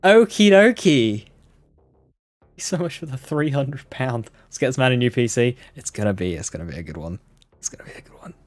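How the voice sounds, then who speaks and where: A man's voice: fairly high pitch, vocal fry. A man giving casual, chatty live gameplay commentary, talking straight to his viewers. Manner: chatty, addresses viewers directly. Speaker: game streamer.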